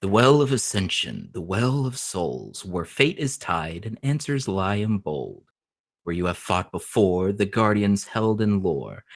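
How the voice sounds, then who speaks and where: A man voicing an otherworldly angelic oracle, reciting a solemn, measured rhyming prophecy in a tabletop game. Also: low-pitched, sing-song, vocal fry, dry recording, studio quality, exaggerated voice. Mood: solemn, portentous. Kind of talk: tabletop game role-play.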